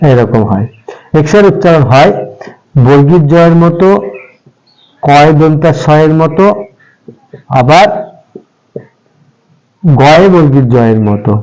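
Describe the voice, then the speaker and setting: A man with a slightly high voice walks children through letter sounds. He speaks patiently and spells out each example word letter by letter, then repeats it. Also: expressive, unhurried, long pauses, a little mellow, poor audio. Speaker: English pronunciation teacher. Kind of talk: step-by-step spoken lesson for children.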